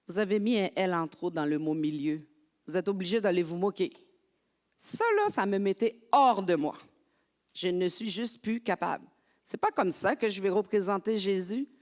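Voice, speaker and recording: A woman from France preaching a lively, conversational sermon as a pastor in a church. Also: mid-range voice, moderate pace. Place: church sanctuary. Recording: long hall reverb.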